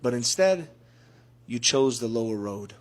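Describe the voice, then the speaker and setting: Man, medium pitch, preachy, emphatic, earnest commentary to camera. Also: expressive, unhurried. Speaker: social media commentator.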